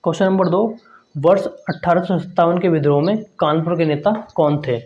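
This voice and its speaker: A man on the high side speaks briskly as he leads an exam prep session, reading quiz questions and the possible answers aloud. He keeps calling viewers friends, and the recording has a dull lo-fi quality.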